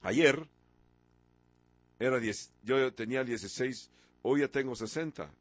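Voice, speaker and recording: A man in his sixties delivers a sermon in a mid-pitched voice. He strings together rhetorical questions and leans hard on key words, sometimes slowing to a deliberate crawl. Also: no echo. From from abroad, a country once ruled by an emperor. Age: 60s. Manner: rhetorical questions, emphatic with sudden rises. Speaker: preacher.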